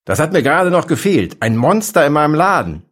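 A man voicing a rude, blasé male shopkeeper who shouts shrilly. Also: on the high side, big pitch swings, a little fast, voice pushed up. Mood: shrill, angry.

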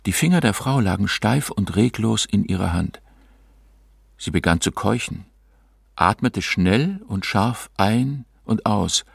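A man narrating a story as a scripted audiobook reading, measured and expressive, close to the mic. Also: on the low side, gravelly, slightly rough, no room sound.

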